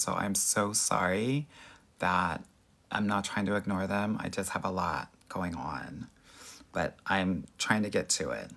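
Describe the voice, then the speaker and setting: Man, husky, Southern Californian Valley accent, low pitch, sassy slangy livestream host, casual dating advice. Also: a bit bright. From Southern California, United States. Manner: sassy, slangy, addresses viewers as girl. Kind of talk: casual live question-and-answer chat.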